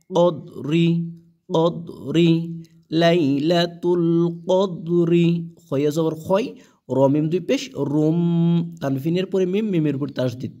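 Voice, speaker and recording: A male Quran reading teacher with a Bangladeshi Bengali accent, spelling out each letter and vowel mark and then reciting the words slowly, often asking and answering his own questions. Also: a little high, warm tone.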